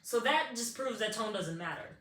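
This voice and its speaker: Animated high-voiced woman chatting on a podcast. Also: normal speed, reverberant, distant mic, a little hiss or hum. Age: adult with a child. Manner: animated, laughing, emphatic repetition. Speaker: podcast co-host. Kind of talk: casual podcast chat.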